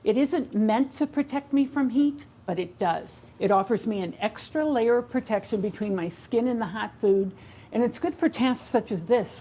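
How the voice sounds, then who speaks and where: A woman's voice: medium pitch, dark tone, a little hiss or hum. Woman instructor narrating a step-by-step demonstration. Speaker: instructor demonstrating a kitchen aid for people with sight loss. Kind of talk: spoken how-to demonstration. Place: home kitchen.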